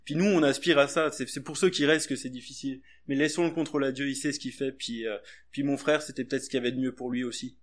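A man's voice: mid-range voice, steady tone, fast. Hesitant man preaching. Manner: hesitant, conversational, with many restarts and fillers. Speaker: lay preacher. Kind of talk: sermon.

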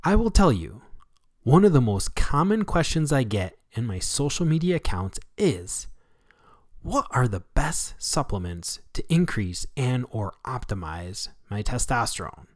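American guy hosting a health show, very animated and emphatic, dry studio-ish sound, explains stuff. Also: medium pitch, a little slow, no echo. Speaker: radio show host. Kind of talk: scripted solo health talk show.

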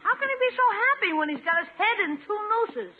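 A man's voice: very high voice, sing-song, fast. A man voicing a wisecracking, nosy schoolboy nephew in a 1950s radio comedy, brash and slangy. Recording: tinny, narrow-band old radio recording.

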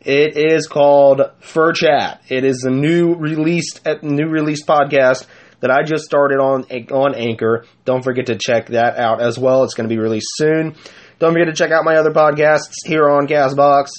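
A man's voice: fairly high pitch, flat delivery, moderate pace. Giggly rambling young podcast host man. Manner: rambling, giggly, self-interrupting. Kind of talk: casual solo podcast outro.

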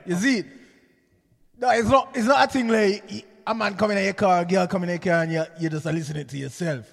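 Male hype-man co-host, roadman delivery, creaky high voice, casual repeated interjections in a reverberant mix over music. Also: fast. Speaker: podcast co-host. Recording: hall-like echo, music behind. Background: reggae music.

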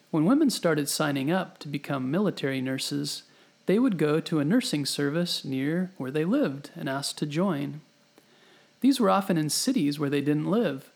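A man narrating a scripted history story for children, gently and clearly explaining as he speaks to the listener, as a storytelling host. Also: fairly high pitch. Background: background music.

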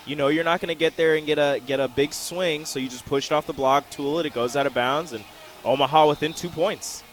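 A man giving relaxed, chatty color commentary on live volleyball for radio, breaking down how each play unfolded. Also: a little high, a little fast. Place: arena broadcast position high above the court.

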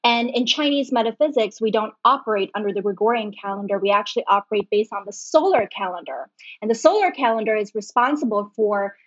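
A middle-aged woman from Hong Kong, a guest on a podcast interview, explaining things warmly and laughing easily. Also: medium pitch, lively intonation, fairly quick, no echo. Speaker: guest, BaZi reader and feng shui master. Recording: dull lo-fi, dry.

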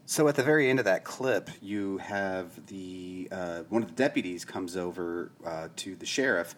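A man's voice: low voice, moderate pace. A man hosting a podcast, rambling casually through a TV episode recap with lots of "you know" and "like". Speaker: podcast host.

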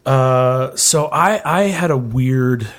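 A man's voice: medium pitch, takes it slowly. A young man from upstate New York telling a personal story casually as a podcast guest, hesitant and self-qualifying. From upstate New York, USA.

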